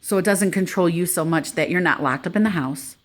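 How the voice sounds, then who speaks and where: In a lowish voice and at a slightly quick pace, a middle-aged woman chats to the camera. She earnestly recounts her own experience in a casual, conversational vlog.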